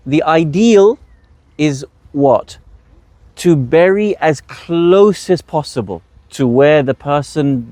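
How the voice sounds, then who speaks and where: Man teaching a workshop, slightly high voice. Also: darkish tone, no echo. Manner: asks the audience rhetorical questions, then answers them. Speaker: religious teacher leading a workshop. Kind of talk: explanatory teaching talk.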